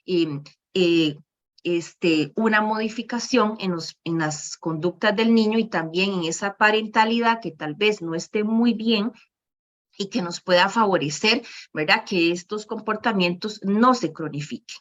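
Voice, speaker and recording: A woman gives a presentation to professionals on child behavior, checking in often with "¿verdad?" and pausing on fillers. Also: mid-range voice. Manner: frequent "¿verdad?" tags and fillers. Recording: muffled lo-fi recording.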